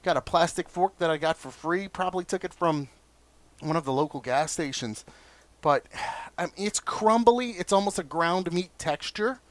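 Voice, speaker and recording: A man's voice: a little high, moderate pace, no room sound. A man hosting a casual food review vlog, chatty and enthusiastic, often asking viewers questions.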